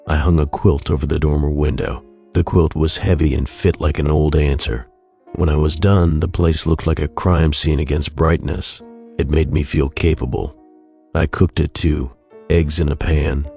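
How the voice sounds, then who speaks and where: Very deep-voiced male creepypasta narrator. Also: a little mellow. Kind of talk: scripted first-person horror story narration.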